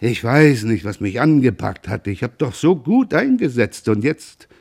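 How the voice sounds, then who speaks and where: A man's voice: mid-range voice, big pitch swings, measured pace, vocal fry, a little mellow, slightly rough, full character voice. A man reading aloud and voicing a young doctor who is out of breath and ashamed after rowing. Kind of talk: literary reading.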